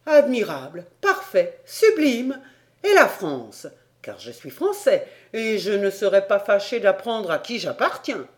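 A woman voicing an excitable middle-aged male French geographer who bursts into loud, fussy exclamations. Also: mid-range voice, measured pace. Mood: excited.

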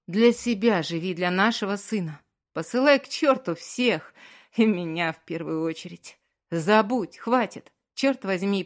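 A hoarse, low-voiced male prisoner, as a woman narrator puts him on in a storybook reading. He sounds raw and strained, pleading with his wife one moment and scolding her with force the next.

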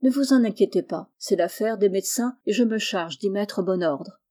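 A woman reading the part of a kindly middle-aged uncle and doctor, speaking in a gentle, reassuring way. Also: medium pitch, moderate pace, natural voice. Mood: tender.

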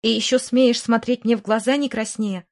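A woman's voice: fairly even intonation, moderate pace, natural voice. A woman reading an audiobook, voicing a jealous, hysterical widow who shrieks, sneers and sobs at her rival. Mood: furious. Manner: shrill, sneering, sobbing outbursts.

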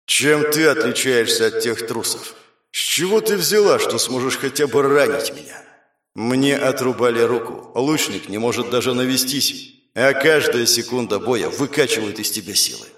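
A man voicing a mocking, sinister male demon warrior who taunts slowly and menacingly. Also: mid-range voice, animated, a bit bright, reverberant, close to an everyday voice. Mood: sneering.

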